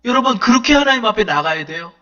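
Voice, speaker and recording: A male pastor delivering a sermon in a high, bright voice that keeps rising as he acts out prayers. His preaching is fervent and pleading. The recording sounds dull and lo-fi. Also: animated, fast, faint music behind.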